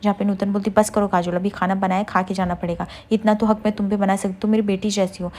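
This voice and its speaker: A woman rattles through a serial's plot at a quick clip, quoting one character after another. Her pitch barely moves, so the delivery sounds flat and even. She sounds casual, and she stumbles on fillers as she goes. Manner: rapid retelling with fillers, quotes each character in turn. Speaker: serial recap narrator. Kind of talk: casual story recap.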